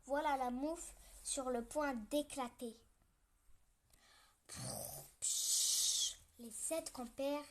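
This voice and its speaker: Woman storyteller, high voice, slow, gentle, playful, children's story reading. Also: steady tone. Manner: gentle, with playful sound effects.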